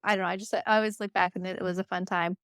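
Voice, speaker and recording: Woman, 30s, from Croatia and Michigan, casual guest chat, lots of fillers, clear resonant tone. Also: medium pitch, little pitch movement, rapid-fire, no room sound, studio quality. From born in Croatia, raised in Michigan, United States. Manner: chatty, lots of filler words. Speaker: podcast guest.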